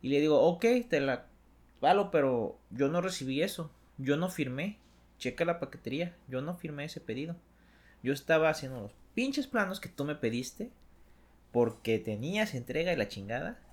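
A man's voice: on the high side, moderate pace. A young man with a Mexican accent telling a work story in casual chat, full of slang and acted-out voices. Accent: Mexican Spanish. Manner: slangy, animated, acts out voices in anecdotes.

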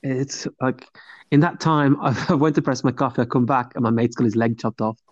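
A man's voice: medium pitch, a little fast. A man chatting casually as a podcast co-host, jokey and given to acting out little quotes. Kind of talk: casual banter. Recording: roomy, slightly muffled sound.

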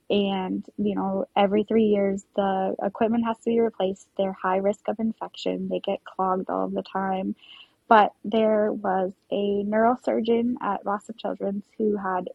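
Young woman, podcast guest, husky and a little gravelly, filler-heavy and emotional; muffled, dry sound. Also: medium pitch, dry recording. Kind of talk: personal storytelling interview.

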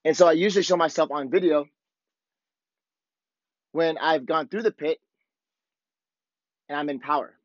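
A hoarse man with a worn-out voice hosting a podcast, talking casually and candidly in a rambling, profanity-heavy motivational monologue. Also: fairly high pitch, moderate pace, pauses often. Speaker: podcast host. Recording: dull, lo-fi, roomy echo.

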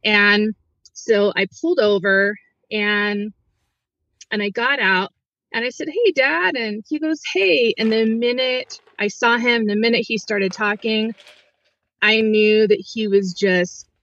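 A woman's voice: mid-range voice, steady tone, a little slow, a bit bright, no room sound, highs cut off. A middle-aged woman recounting a painful personal story as an interview guest, earnest and hesitant, with many restarts and fillers.

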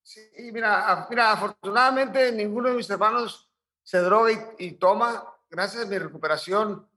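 A middle-aged man with a Mexican accent speaks as an interview guest. His voice sits high and sounds bright and sharp. He talks in coarse slang and stumbles through repeated restarts. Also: normal speed. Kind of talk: casual interview storytelling.

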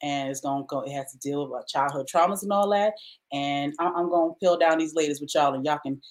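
A woman co-host with a lowish voice closes out a casual podcast. She talks in an upbeat, slangy way and drags out her plugs and contact details. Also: a little fast.

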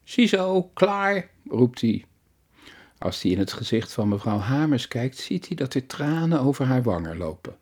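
A man narrating a children's story aloud in a calm, even way. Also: medium pitch, fairly quick, few pauses, slightly rough.

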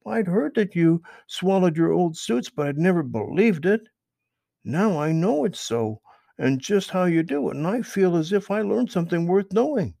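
A man's voice: high-pitched, lively intonation, moderate pace, gravelly, dark tone, dry recording, studio quality, pitched above the performer's own voice, heavily acted. A man voicing Peter Rabbit, an eager and apologetic young male rabbit, in an earnest, pleading storybook reading. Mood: admiring. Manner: earnest, pleading, wide-eyed.

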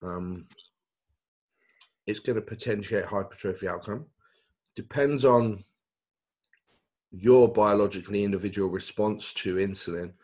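Husky low-voiced man explaining. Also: unhurried, long pauses, darkish tone. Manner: technical, explanatory, laid-back. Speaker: podcast co-host. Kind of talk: casual chat.

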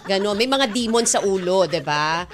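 A woman's voice: mid-range voice, animated, moderate pace, crowd noise. A female Filipino radio DJ bantering with her co-host, blunt and joking, mixing Tagalog and English.

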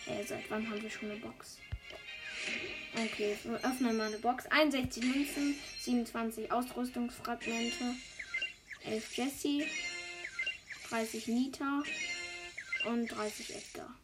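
Excitable woman commenting over game music. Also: fairly high pitch, measured pace, pauses often, poor audio. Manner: excitable, exclaims and pleads during play. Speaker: gamer. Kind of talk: casual gameplay commentary.

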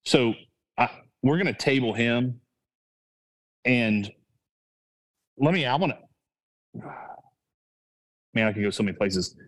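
This rough recording captures a sports podcast host, a man with a child, whose mid-range voice moves slowly with many pauses. The show is casual, and he rambles, restarting and self-correcting as he thinks out loud.

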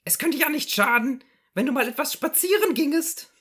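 A woman putting on a shrill nagging housewife. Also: animated, moderate pace, a bit bright. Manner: high, insistent, scolding. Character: nagging middle-aged housewife, fussy and reproachful. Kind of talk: comedy sketch reading.

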